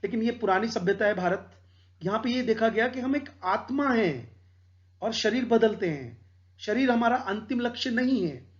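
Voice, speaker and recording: A man's voice: high voice, lively intonation, moderate pace, lo-fi sound. A man explaining a poem in an exam-prep lecture, patiently mixing Hindi with English terms. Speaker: English literature teacher.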